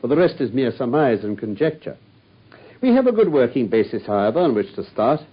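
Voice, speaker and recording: Sherlock Holmes, husky and lively. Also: male voice, mid-range voice, fairly quick. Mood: lecturing. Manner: crisp, confident, lecturing. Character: brilliant, self-assured Victorian detective. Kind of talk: radio drama. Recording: dull lo-fi radio sound.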